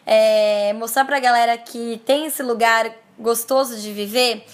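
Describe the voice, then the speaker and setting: Bubbly young Brazilian woman youtuber, high voice, gushing casual chat. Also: fairly even intonation, unhurried. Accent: Brazilian Portuguese. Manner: bubbly, gushing, squeals and laughs. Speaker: youtuber calling fans. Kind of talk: excited casual phone chat.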